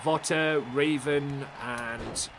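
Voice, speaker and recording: Talking straight to his chat, a young man gives excitable live-stream commentary over a game, swearing as he goes. His voice is medium-pitched and very slow, with noise in the background.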